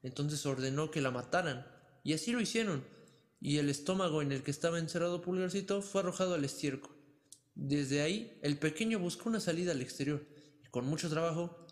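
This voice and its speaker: A man reading a fairy tale aloud in an even, expressive storyteller manner. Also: fairly high pitch. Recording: long hall reverb.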